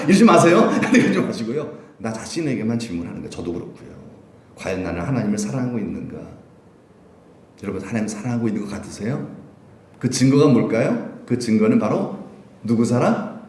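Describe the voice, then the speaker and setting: A man preaching a Sunday sermon as pastor, lively and conversational, often putting questions to the congregation. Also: mid-range voice, slight background noise. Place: church sanctuary. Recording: echoey church room.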